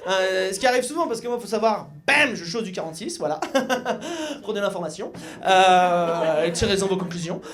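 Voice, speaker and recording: A young man from Mayenne doing lively stand-up comedy on a club stage, joking and acting out the people in his stories. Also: sits high, moderate pace, a crowd in the background. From Mayenne, France. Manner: lively, joking, acts out voices of others. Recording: live club recording with audience laughter.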